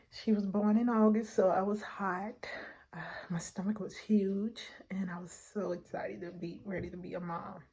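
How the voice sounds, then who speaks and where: Mellow husky woman storyteller. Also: mid-range voice. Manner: animated, acts out voices in her story, addresses viewers as y'all. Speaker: vlogger. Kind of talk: personal storytelling to camera.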